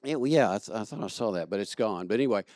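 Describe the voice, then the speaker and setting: Man from Kentucky, church announcements, low voice, dry close sound, chatty, jokey, halting fillers. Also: animated, darkish tone, no echo. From Kentucky, USA. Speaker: platform assistant. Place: church service.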